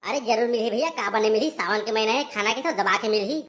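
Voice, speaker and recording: A woman's voice: on the high side, quick pace, a bit bright, close to an everyday voice. A woman voicing a hospitable village priest with a Chhattisgarhi accent in a cartoon. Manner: hospitable, folksy. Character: friendly village male temple priest.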